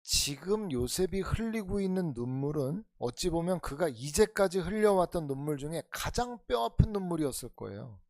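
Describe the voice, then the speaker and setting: A man's voice: fairly high pitch, big pitch swings, normal speed, hardly any pauses, darkish tone, no echo. A male pastor preaching an expository sermon in earnest, urging tones, full of rhetorical questions. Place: church sanctuary.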